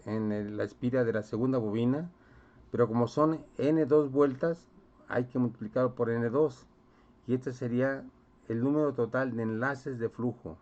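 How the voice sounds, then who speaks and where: A man's voice: medium pitch, a little mellow. A man lecturing on physics to a class, often checking in with students and quizzing them. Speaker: physics teacher. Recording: dull lo-fi recording.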